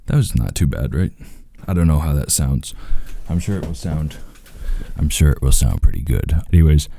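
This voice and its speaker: Very deep, quiet-spoken man. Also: lively intonation, normal speed, creaky, dry recording. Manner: quiet, laid-back, rambling talk. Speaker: video creator. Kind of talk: casual talking vlog. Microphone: close microphone.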